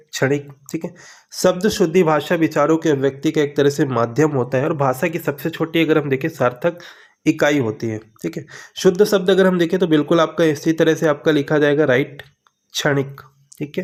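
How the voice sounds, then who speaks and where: Man teaching exam spelling questions. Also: a little high. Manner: repetitive, coaching, frequent check-ins. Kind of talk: spoken exam lesson.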